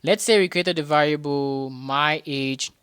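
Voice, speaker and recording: A man's voice: fairly high pitch, unhurried, a bit bright, clean tone, no room sound. Patient man teaching coding, dry sound. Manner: patient and repetitive, restates points with rhetorical questions; frequent hesitations and restarts. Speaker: programming tutor. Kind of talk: beginner coding tutorial.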